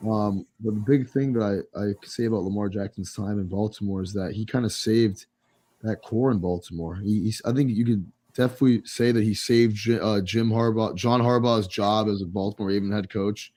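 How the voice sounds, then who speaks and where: A man's voice: fairly low pitch, fairly even intonation, brisk, a little mellow. A man co-hosting a sports podcast, talking loosely with many fillers and jokes. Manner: loose, filler-heavy, joking. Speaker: podcast co-host. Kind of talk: casual sports talk.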